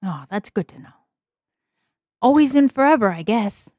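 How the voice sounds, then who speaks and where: A woman's voice: fairly high pitch, expressive, moderate pace, a little mellow, dry recording, clean studio sound. A woman voicing a small loyal male pet animal with a bad leg, in a wry, weary Bronx accent. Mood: resigned.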